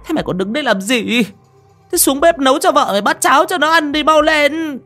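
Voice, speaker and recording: A sharp, high-voiced old village mother, voiced by a woman, scolds and wails with fussy urgency. Faint music runs under the audiobook. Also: brisk. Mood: scolding. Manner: scolding, wailing.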